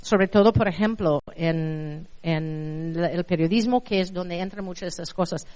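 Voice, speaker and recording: A woman's voice: lowish voice, moderate pace, darkish tone. Woman, Spanish accent, middle-aged, university lecturer, conversational, long hall reverb. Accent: Spanish (Spain). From Spain. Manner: conversational, checks in with ¿no? and ¿verdad?. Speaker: lecturer on translation. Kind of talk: university lecture with audience questions.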